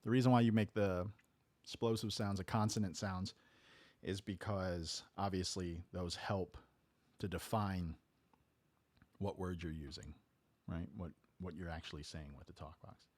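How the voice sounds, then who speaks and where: A low-voiced man walks through a talk box technique step by step at a measured pace. It's a casual tutorial in a home music studio, and he keeps it relaxed, checking in with "right?" as he goes.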